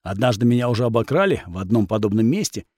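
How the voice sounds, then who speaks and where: A man's voice: on the low side, lively intonation, quick pace, a little mellow, no echo, studio quality. A man narrating a first-person fantasy audiobook in a wry, ironic tone.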